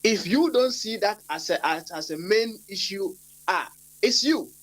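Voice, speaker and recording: A man trying to calm a heated discussion, pleading for his turn and repeating himself. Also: high-pitched, unhurried.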